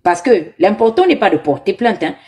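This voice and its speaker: A woman's voice: medium pitch, very animated, a little fast, darkish tone. A woman hosting a live commentary, emphatic and exhorting her viewers. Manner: emphatic, exhorting, speaks in repeated appeals. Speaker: live show host.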